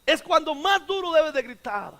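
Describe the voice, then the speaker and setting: Man, pastor preaching, very high bright voice, shouts and hushed lines. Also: very animated, normal speed. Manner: preaching with sudden shouts and hushed dramatic quotes; has the congregation repeat after him. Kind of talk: sermon.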